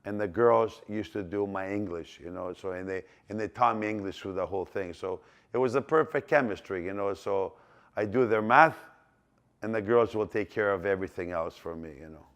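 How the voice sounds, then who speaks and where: A Greek business owner in his sixties, speaking with a Greek accent, tells his life story in a rambling way, repeating himself with many fillers and restarts. His voice is fairly low and a bit bright, and he talks a little fast.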